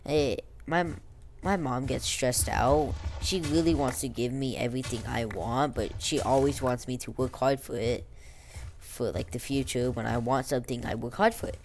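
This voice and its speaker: A young girl vlogs casually and unscripted, rambling in slang about her life over gameplay, with some stuttering and a speech impediment that turns R sounds into W. Her voice is bass-low and a little mellow at normal speed, with slight background noise.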